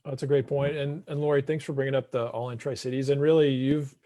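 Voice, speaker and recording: Male host, relaxed and dry-sounding, friendly casual chat, reading viewer questions. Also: medium pitch, fast talker, dry recording. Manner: friendly, thanks guests, reads audience questions. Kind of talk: casual video call chat. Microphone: video call.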